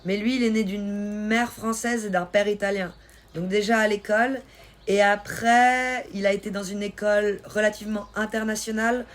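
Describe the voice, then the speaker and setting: A woman from Switzerland with a light Swiss French accent, hosting a live stream and chatting casually with viewers in a teasing, quick-witted way. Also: mid-range voice, steady tone. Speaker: livestream host. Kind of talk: casual live-stream chat reading comments.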